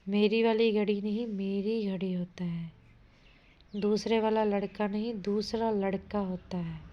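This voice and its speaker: A woman's voice: medium pitch, fairly even intonation, unhurried. A woman teaching an exam-prep grammar lesson. She reads out sentences, asks what a word means, corrects it, and calls her listeners "bhai". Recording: dull lo-fi audio.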